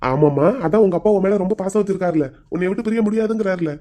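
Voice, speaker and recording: A voice actor playing a patient young groom who gently coaxes his bride to open up in a cartoon. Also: medium pitch, fast talker, lightly acted. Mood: coaxing. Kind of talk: Tamil cartoon voice acting.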